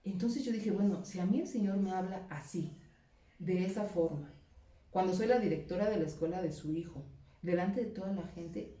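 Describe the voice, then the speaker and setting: A woman school principal, telling a personal story in a lively way and voicing the people she quotes. Her voice is mellow and warm. It is recorded with a roomy echo, a little away from the mic. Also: fairly low pitch, normal speed, recorded from a distance. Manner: animated storytelling, acting out quoted exchanges. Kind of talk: recounting a personal anecdote.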